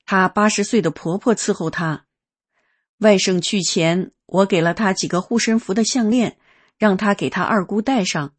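A woman reads a first-person testimony aloud in an earnest, unhurried way. Her voice is mid-pitched and a little husky, and she tells the story calmly.

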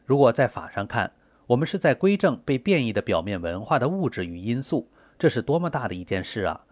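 A man reading a prepared text aloud in a measured, earnest way. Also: medium pitch, sing-song, darkish tone, no room sound.

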